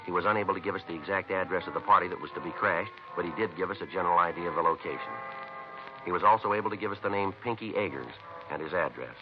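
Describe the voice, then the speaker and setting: In a 1950s radio crime drama, a man lightly acts the part of a methodical American police detective who also narrates. His very low voice races through times and facts in a terse, clipped, matter-of-fact, deadpan way, flat in feeling, over a dull old recording with faint music behind it.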